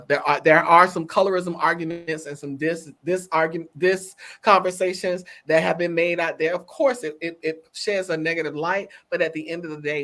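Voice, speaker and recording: A woman's voice: deep voice, fairly bright tone. A woman co-hosting a talk show, chatting casually and with animation, laughing and calling out to her audience. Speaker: co-host. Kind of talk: casual chat.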